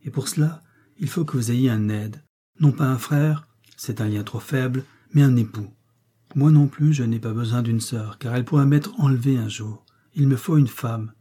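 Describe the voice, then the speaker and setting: A stern young missionary man who presses his point without letting up, brief and commanding, as a male reader gives him voice. The voice is mellow and a little husky, with a soft, unforced tone. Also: medium pitch, moderate pace, lightly acted. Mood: insistent.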